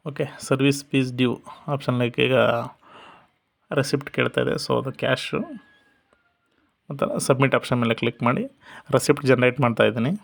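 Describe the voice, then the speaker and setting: A man narrating a step-by-step software walkthrough in a steady instructional manner. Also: medium pitch, fairly quick, gravelly, pauses often. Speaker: software tutorial presenter. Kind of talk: screen-recorded software walkthrough.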